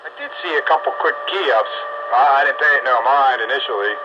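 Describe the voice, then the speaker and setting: A man's voice: medium pitch, quick pace. A man chatting and telling stories on an amateur radio net, heard over AM CB radio. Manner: animated, storytelling. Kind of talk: casual on-air radio chat. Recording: hissy lo-fi radio transmission.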